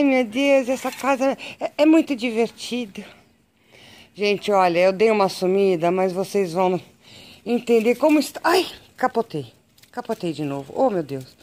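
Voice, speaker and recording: A woman with a Brazilian Portuguese accent, chatting casually to her viewers while filming her cats at home, slipping into doting baby talk and excited squeals. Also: fairly high pitch. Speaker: pet vlogger. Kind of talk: casual chat filming pets. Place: home garden and garage.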